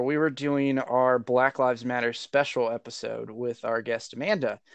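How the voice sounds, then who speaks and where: A man hosting a podcast in a relaxed, chatty way. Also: medium pitch, no echo. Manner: relaxed, chatty, laughs easily. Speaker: podcast host. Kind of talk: casual chat.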